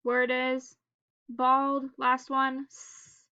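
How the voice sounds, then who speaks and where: A woman teacher leading a phonics drill for children in staccato, clipped single words with pauses between them. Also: high voice, bright, forceful tone, clear, resonant tone, no echo, lo-fi sound.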